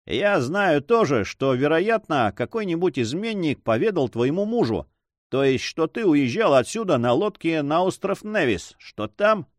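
A man's voice: a little high, big pitch swings, a little slow, no echo, studio quality, voice pushed up. A man reading a story aloud, voicing a carefree young nobleman who banters ironically with his sister. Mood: earnest. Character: teasing, carefree young nobleman, Don Sancho.

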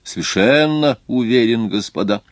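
A man's voice: medium pitch, animated, normal speed, dry recording, lightly acted. A man reading an audiobook, voicing a fussy, anxious Swiss watchmaker who takes offence easily.

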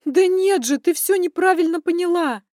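A flustered young woman, voiced by an audiobook narrator, pleads and protests in a high, strained voice. Her tone stays mellow, and the recording is dry and close. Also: lively intonation, normal speed, no echo. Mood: distraught.

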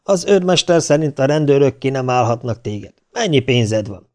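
A man's voice: medium pitch, animated, a little mellow, natural voice. A man voicing a sly, cigar-smoking male bail bondsman who mocks his client jovially. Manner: jovial, mocking.

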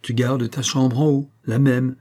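Man raising his voice for a gentle, commanding lady. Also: mid-range voice, level tone, unhurried, natural voice. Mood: gentle, firm. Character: kindly invalid lady, firm yet tender.

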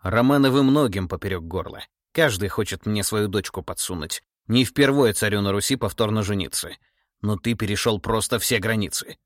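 A man voicing a stern, cold middle-aged tsar in an audiobook, speaking in a measured, menacing, authoritative way. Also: on the low side, no echo, clean studio sound, natural voice. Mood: reproachful. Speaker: monarch interrogating a relative. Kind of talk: audiobook character voice.

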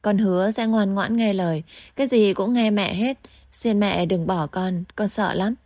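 A woman's voice: medium pitch, moderate pace, no room sound, studio quality, close to an everyday voice. A woman voicing a spiteful young captive who snarls in rage and then whimpers like a frightened child. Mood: whimpering. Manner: shouts in rage, later whimpers like a scared child.

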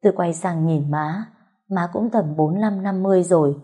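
A woman's voice: fairly low pitch, moderate pace, warm tone, slightly rough. A woman with a Southern Vietnamese accent narrating a first-person audio story in an emotional, heartfelt way.

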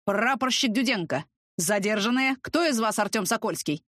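A woman's voice: mid-range voice, lively intonation, normal speed, a bit bright, dry recording, clean studio sound. Woman doing a barking mustached police officer. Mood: gruff. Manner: barking, commanding, fatherly lecturing. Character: gruff middle-aged male police warrant officer, mustached, bossy. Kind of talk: audiobook character voice.

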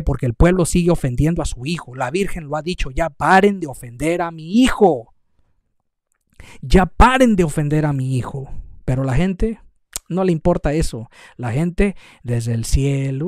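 A man's voice: fairly high pitch, warm tone, no echo, studio quality. Fiery Mexican preacher man scolding. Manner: scolding, emphatic repetition. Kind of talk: fiery livestream sermon.

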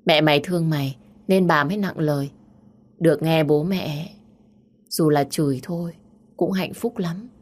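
A loyal young woman, voiced by a woman narrator consoles her friend in a low, coaxing voice. She speaks gently and keeps urging her to open up. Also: normal speed, long pauses. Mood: comforting. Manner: warm, coaxing.

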